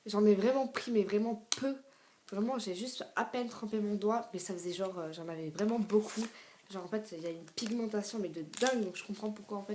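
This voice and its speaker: A woman's voice: mid-range voice, a little mellow. Young woman, casual vlogger, gushing and rambling, tablet mic, light noise. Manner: chatty, many fillers and restarts. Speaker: beauty vlogger. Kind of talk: excited unboxing chat. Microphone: tablet camera.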